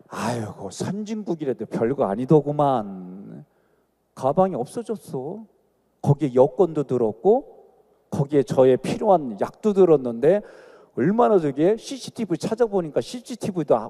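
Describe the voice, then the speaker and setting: A man's voice: a little high, dark tone. A middle-aged man preaching with a Chungcheong accent. He tells folksy stories and jokes with the congregation, calling on them to repeat after him. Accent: Chungcheong Korean dialect. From Chungcheong Province, Korea. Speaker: guest pastor. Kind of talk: sermon with personal stories. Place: large church sanctuary. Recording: long hall reverb of a sanctuary.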